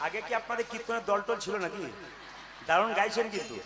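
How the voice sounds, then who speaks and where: High-voiced kirtan leader. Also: male voice, quick pace, heavy background noise. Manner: coaxing the crowd to chant louder, playful asides. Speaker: kirtan singer leading a devotional gathering. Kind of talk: devotional kirtan preaching and call-and-response chanting. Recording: live music with tabla behind.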